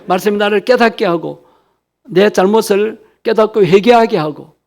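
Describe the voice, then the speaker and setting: High-voiced man preaching a sermon. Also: normal speed, creaky, a little mellow. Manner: earnest and exhortative, addressing the congregation directly. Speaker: pastor. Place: church service.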